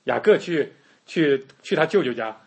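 A man preaching a sermon, telling the story in a lively way and acting out the people in it. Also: fairly high pitch, normal speed. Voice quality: very husky voice.

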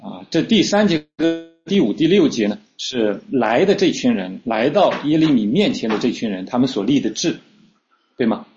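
A man's voice: medium pitch, expressive, moderate pace, background noise. A man preaching a sermon, teaching scripture in a conversational way with frequent fillers and repeated starts. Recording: slightly dull lo-fi recording.

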